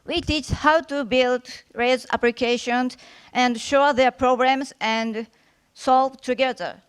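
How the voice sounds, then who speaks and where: Slow, clear-voiced Japanese woman presenting. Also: high-pitched, steady tone. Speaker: conference speaker, workshop organizer. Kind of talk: prepared lightning talk. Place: conference stage.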